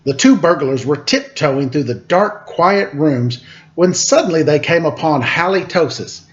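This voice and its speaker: A man hosting a children's story time, reading a picture book aloud in an expressive, dramatic way with casual asides. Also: fairly high pitch, a little slow, highs cut off. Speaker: storyteller and show host.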